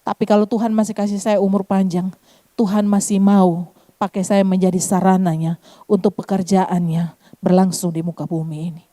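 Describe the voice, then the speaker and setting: A middle-aged woman pastor with an Eastern Indonesian Kupang Malay accent preaches a sermon and shares a personal testimony, frequently calling the congregation "saudara." Her voice is medium-pitched, level, mellow, and at normal speed.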